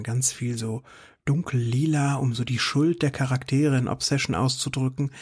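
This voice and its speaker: A man's voice: medium pitch, husky. A man co-hosting a podcast, discussing an episode in casual, thoughtful chat with light irony. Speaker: podcast co-host.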